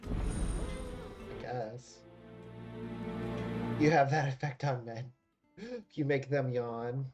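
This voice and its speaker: A man's voice: medium pitch, wildly swooping pitch, drawn-out words, long pauses, music in the background. A man streaming a video game, chatting casually and joking over the gameplay. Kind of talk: casual let's-play commentary. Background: game audio.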